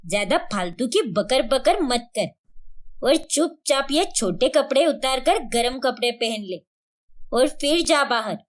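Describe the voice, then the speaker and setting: A woman's voice: sits high, lively intonation, unhurried. A woman voicing a bossy, scolding mother-in-law in a cartoon story.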